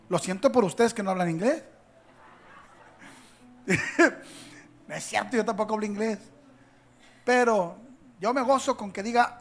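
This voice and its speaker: A pastor with a strong, high-pitched voice delivers his sermon. He moves between quiet, joking asides and loud, emphatic calls to the congregation.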